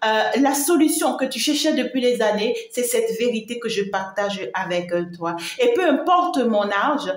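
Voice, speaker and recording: A woman's voice: fairly high pitch, expressive, normal speed, few pauses. A woman spiritual medium giving an emphatic, repetitive live-streamed talk, addressing her viewers fondly. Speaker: spiritual medium and channel host. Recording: roomy echo.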